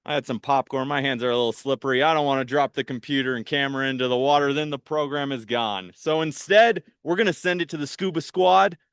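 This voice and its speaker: An upbeat man presents a live outdoor field trip from a boat, chatting eagerly with his online audience. His voice sounds smooth and resonant. The sound is close and dry. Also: medium pitch, fast, hardly any pauses, fairly bright tone, no echo. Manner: upbeat, enthusiastic, chatty with viewers. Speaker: park program host. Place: on a patrol boat on a lake, outdoors.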